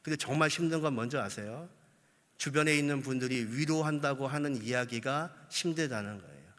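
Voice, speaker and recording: A man preaching a sermon as senior pastor, with emphatic, rising appeals to the congregation and slow, solemn scripture reading. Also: mid-range voice, a bit bright. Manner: reads scripture slowly and solemnly. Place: large church sanctuary. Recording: church hall reverb.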